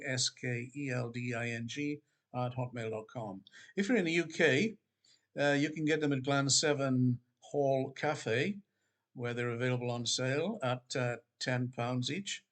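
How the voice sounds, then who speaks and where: A man's voice: mid-range voice, measured pace. Older man, rambling author talk. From Wales. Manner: relaxed, rambling, many ums and restarts. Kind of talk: casual spoken book promotion. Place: Queensland, Australia.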